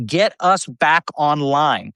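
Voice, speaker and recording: Animated man guest, slightly high voice. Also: slow, clear, resonant tone, no echo. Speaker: guest commentator. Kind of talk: political discussion.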